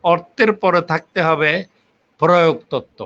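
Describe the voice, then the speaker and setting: Older professor lecturing patiently, lo-fi. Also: male voice, a little high, steady tone, moderate pace, a bit bright. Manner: patient, lecturing with examples and fillers. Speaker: linguistics professor. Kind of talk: explanatory academic interview. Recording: muffled lo-fi recording.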